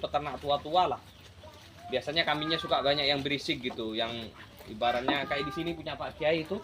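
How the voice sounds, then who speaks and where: A man's voice: on the high side, background noise. A man who farms goats, talking casually to his fellow farmers in an advice vlog. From Indonesia. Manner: casual, repeatedly addresses "teman-teman". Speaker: goat farmer and channel host.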